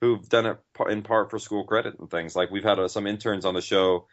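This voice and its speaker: As a guest in a casual interview, a podcast writer and director speaks briskly and steadily in a low voice, rambling along eagerly. Audio quality is dull and lo-fi.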